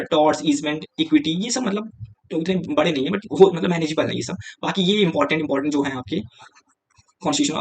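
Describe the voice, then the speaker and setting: A young male teacher giving exam-prep advice at a brisk clip. His voice sits fairly high and has a gravelly edge. He talks casually and directly to his viewers and mixes Hindi with English. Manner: talks straight to viewers, often saying "yaar".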